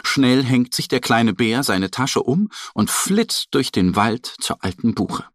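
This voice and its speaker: Slow, very expressive male storyteller. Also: mid-range voice, no echo, clean studio sound. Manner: very expressive, sing-song storytelling. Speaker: narrator. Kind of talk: children's story narration.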